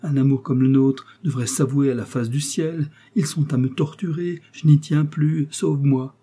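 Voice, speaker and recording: A man's voice: mid-range voice, fairly even intonation, moderate pace, warm tone, slightly rough, voice pushed up, lightly acted. A man voicing a passionate, restless young woman in a novel reading, pleading and emphatic.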